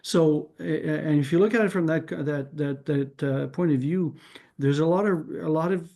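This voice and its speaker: Speaking at a moderate pace, this francophone Canadian man has a mellow, low voice with a gravelly texture. He's one of the participants in a casual group discussion, thinking out loud, often restarting, and ending his points on "right?"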